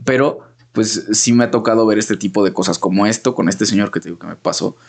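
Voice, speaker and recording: A man's voice: on the low side, quick pace, creaky. A young man with a Mexican Spanish accent chatting casually on a podcast, telling a rambling story full of slang and fillers. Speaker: podcast co-host. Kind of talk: casual conversation.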